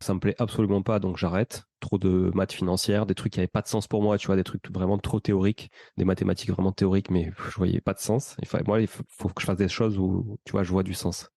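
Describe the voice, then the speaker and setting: Guy in his 30s w/ a toulouse accent, low gravelly voice, rambling through his story, dry close sound. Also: fast talker, few pauses, no echo. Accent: Toulouse French. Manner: relaxed, rambling, many fillers and restarts. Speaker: podcast guest. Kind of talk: casual conversational storytelling.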